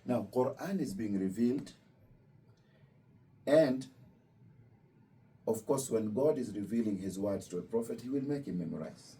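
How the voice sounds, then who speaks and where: Seated well away from the microphone, with faint room noise around him, a Kenyan imam explains his faith to a group of visiting students. Luo is his first language, and his low-pitched voice is very dark and mellow. He stays patient, slowly repeating the main points.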